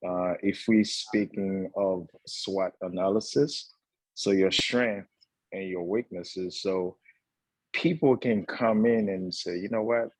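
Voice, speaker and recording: A young man from Haiti, a guest entrepreneur on a talk show, speaking earnestly with many pauses and fillers. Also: sits low, fairly even intonation, no echo, low-quality recording. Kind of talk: casual talk-show conversation.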